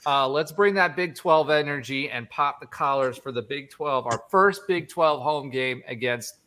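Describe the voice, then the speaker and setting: A man hosting a casual sports podcast, talking in an animated, joking, rambling way. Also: mid-range voice, normal speed. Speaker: podcast host.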